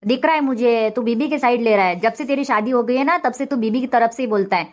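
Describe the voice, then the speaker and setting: A woman's voice: fairly high pitch, fast, natural voice. A woman voicing a nagging middle-aged village mother-in-law in a cartoon, scolding and complaining.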